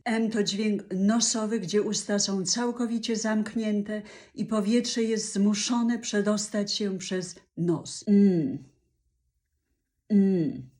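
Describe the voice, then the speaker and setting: Slow-spoken older woman teaching pronunciation. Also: mid-range voice, a little mellow. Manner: slow, careful, drawn-out demonstration sounds. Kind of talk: pronunciation lesson.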